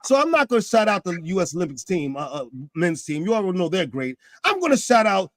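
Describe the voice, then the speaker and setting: A man in his fifties hosting a casual talk show, animated, his pitch climbing when he gets excited. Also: brisk, dry recording. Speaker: podcast host.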